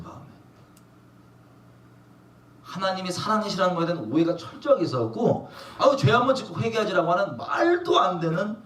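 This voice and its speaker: A man's voice: fairly high pitch, fairly bright tone. A man preaching a sermon as a pastor, emphatic and questioning the congregation. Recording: echoey room from a distance.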